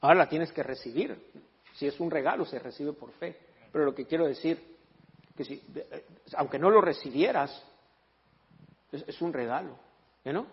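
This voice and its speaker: This pastor's voice is fairly high and slightly rough, at normal speed with frequent pauses. His sermon is full of lively storytelling and jokes with the congregation, and he reads scripture in Spanish and English, shifting into English to do it. The recording is lo-fi and echoes through the hall.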